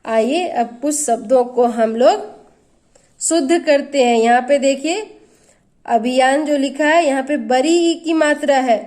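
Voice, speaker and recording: A woman teacher walks young pupils through a grammar lesson, pausing to ask them questions. Her voice sits high and she takes her time, with a soft, mellow tone. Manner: slow, patient explaining with questions to children.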